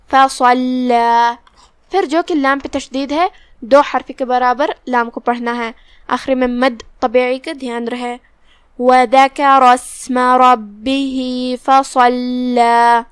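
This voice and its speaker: A woman teaching the rules of Quran recitation, explaining each letter step by step and then reciting slowly and drawn out. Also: sits high, clean tone, no room sound. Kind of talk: tajweed lesson with slow recitation.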